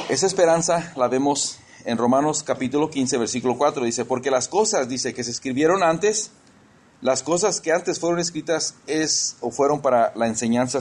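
Husky-voiced man preaching a sermon. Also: medium pitch, darkish tone. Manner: conversational, repeats words while searching for them. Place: church.

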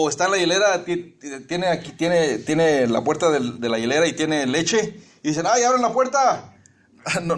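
A man preaching a sermon, joking with the congregation and asking them questions. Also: a little high.

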